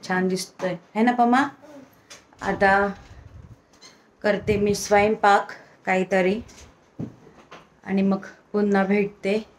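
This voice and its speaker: A woman's voice: medium pitch, a little hiss or hum. A mother filming a casual home vlog in her bedroom, chatting to her small son in a sing-song baby-talk way. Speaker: mother and vlogger.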